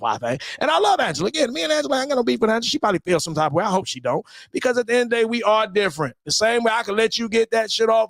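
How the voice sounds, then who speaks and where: An extremely high-pitched man with vocal fry and a fairly bright tone hosts a livestream on his own channel, dry and studio-quality. His heated rant is full of profanity, repetition, and stammered restarts.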